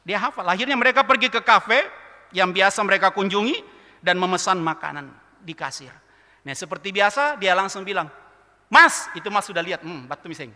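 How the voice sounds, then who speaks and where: A man's voice: sits high, brisk. A male pastor, preaching a sermon and telling a funny illustration, acting out the characters and questioning the congregation. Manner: lively storytelling, mimics a speech lisp, asks the congregation questions. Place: large church hall. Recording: long church hall reverb.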